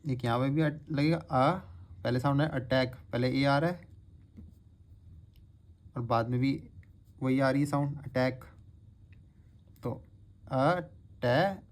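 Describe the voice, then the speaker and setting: A man teaching shorthand step by step, slowly drawing out words to show their sounds. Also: mid-range voice, fairly even intonation, darkish tone. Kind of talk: step-by-step lesson.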